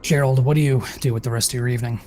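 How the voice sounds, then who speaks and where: A man running a tabletop horror game as game master, narrating the scene in a measured, deliberate way. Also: mid-range voice, steady tone, warm tone.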